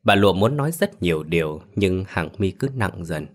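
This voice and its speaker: Casual: guy with a really deep voice telling a creepy ghost story, slow and serious. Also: very animated. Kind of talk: scripted ghost story narration.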